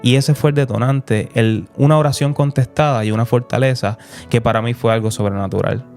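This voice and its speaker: A man's voice: mid-range voice, fairly even intonation, a little fast, darkish tone, faint music behind. Young man telling an earnest testimony. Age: young adult. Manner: earnest, emotional storytelling with repetitions. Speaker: guest sharing his testimony. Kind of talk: personal faith testimony.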